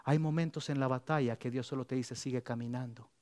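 A man preaching a sermon as pastor, lively and playful, speaking straight to his congregation while leading them on a walk. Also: medium pitch, a little fast. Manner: lively, addresses the congregation directly, playful asides; leads the congregation walking around the room.

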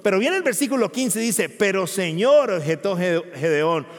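A male pastor preaching emphatically, asking rhetorical questions and rising to loud peaks. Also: sits high, lively intonation, normal speed. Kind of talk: sermon. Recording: long hall reverb.

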